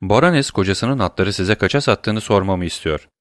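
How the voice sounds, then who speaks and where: Heyecanlı genç bir beyefendi; bir erkek okuyucu canlandırıyor, kuru kayıt. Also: male voice, fairly low pitch, lively intonation, moderate pace, no room sound, studio quality, close to an everyday voice. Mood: courteous. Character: young gentleman courtier, man.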